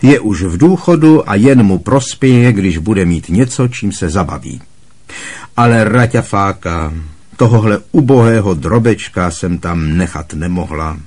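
A man reading aloud, voicing a bossy, loud middle-aged aunt who barks harsh scolding at a boy. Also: animated, breathy edge. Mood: scornful. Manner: booming, barking and harshly scolding.

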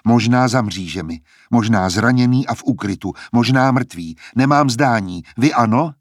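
A man's voice: medium pitch, expressive, vocal fry, a little mellow, breathy edge, dry recording, studio quality. A man doing a furious defiant young man. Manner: raised, heated, clipped retorts.

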